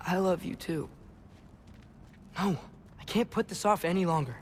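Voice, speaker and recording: A man's voice: sits high, moderate pace, a little hiss or hum, natural voice. A man voicing an earnest teenage boy. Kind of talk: video game dialogue.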